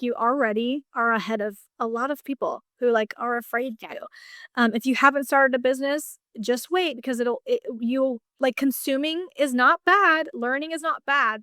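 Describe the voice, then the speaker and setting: A woman's voice: fairly high pitch, fairly bright tone, smooth, no room sound, clean studio sound. A woman business coach talking in a casual podcast conversation, chatty and full of "like" fillers. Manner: chatty, heavy use of "like" fillers.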